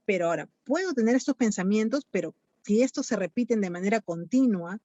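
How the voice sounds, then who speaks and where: A woman's voice: medium pitch, expressive, fairly quick, mellow, dry recording. Peruvian lady psychologist explaining stuff to parents, lots of "eh", dull dry audio. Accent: Peruvian Spanish. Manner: explanatory, many fillers like "eh" and "este". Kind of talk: online talk answering questions.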